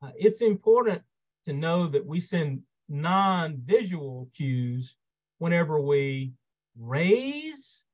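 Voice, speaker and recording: A man, a trial lawyer, giving an instructional webinar talk, expressive and measured, shifting loudness and pace to stress his points. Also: on the high side, poor audio. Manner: measured, explanatory, occasional fillers.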